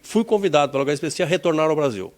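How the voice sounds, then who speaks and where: A man's voice: on the high side, lively intonation. Reflective older Gaúcho businessman. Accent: Gaúcho Brazilian Portuguese. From southern Brazil. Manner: measured, repeats words while searching for them. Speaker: insurance executive interviewee. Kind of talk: reflective career interview.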